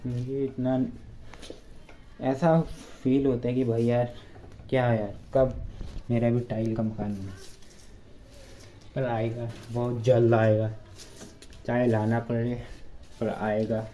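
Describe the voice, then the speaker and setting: A young man from India, slow-paced and pausing often, has a warm, medium-pitched voice with a level tone as he cleans rooms in his village house. He vlogs casually, joking and rambling to viewers he calls "brothers," a little out of breath. The phone-only recording has no external mic and sounds dull, lo-fi and echoey, with light hiss or hum.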